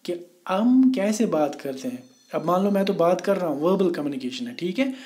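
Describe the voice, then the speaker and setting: Man, high and mellow, patient classroom lecturer who keeps checking that students follow. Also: lively intonation. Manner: explains slowly, often asking "theek hai?". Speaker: teacher. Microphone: voice only, no camera.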